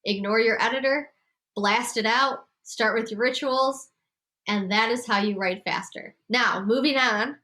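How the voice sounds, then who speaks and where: A woman's voice: a little high, measured pace, pushed and bright. A woman host with a congested voice giving casual, emphatic writing advice to a group and laughing often. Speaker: podcast host and writing coach.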